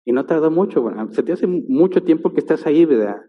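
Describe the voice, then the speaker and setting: Pastor telling a vivid story. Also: male voice, a little high, lively intonation, fast talker. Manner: vivid storyteller, acts out sounds and voices. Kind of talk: sermon storytelling. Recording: tinny sound in a reverberant church hall.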